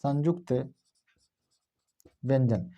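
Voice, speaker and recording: A man's voice: mid-range voice, animated, slow pace, dark tone, dull audio. A male Hindi teacher giving an explanatory lesson, repeating his points and asking himself rhetorical questions.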